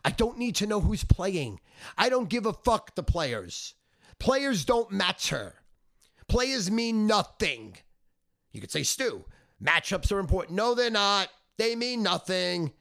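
Cocky, brash man with wildly swinging pitch. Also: sing-song, slow pace, gravelly, fairly bright tone. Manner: smug, cocky, boastful; brash, foul-mouthed, emphatic. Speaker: sports betting handicapper. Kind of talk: ranting sales monologue.

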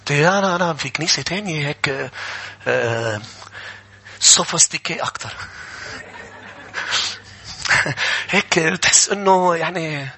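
A man with a Levantine Arabic accent preaching a sermon to a live congregation in a church. He moves from chatty asides to fervent shouting and calls on the congregation to answer him. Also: fairly high pitch, expressive, moderate pace, vocal fry, pauses often, breathy edge. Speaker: pastor.

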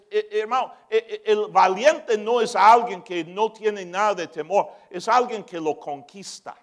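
A man preaching a sermon as pastor, moving from shouted peaks to joking asides. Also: sits high.

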